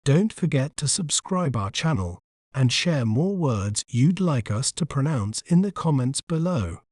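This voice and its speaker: Man, pronunciation tutorial host, scripted delivery, slow syllable-by-syllable pace, dry voice-over. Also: medium pitch, big pitch swings, a little mellow, no room sound.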